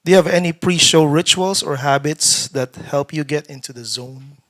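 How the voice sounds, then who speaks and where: A man with a slightly high voice casually hosts a live-streamed panel, reading questions and shout-outs in a hesitant, halting way.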